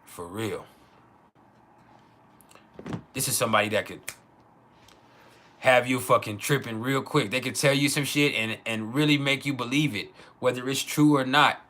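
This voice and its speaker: A man's voice: medium pitch, moderate pace, pauses often, pushed and bright, a little hiss or hum. A man hosting an astrology livestream in a casual, profane, slangy monologue, repeating phrases for emphasis.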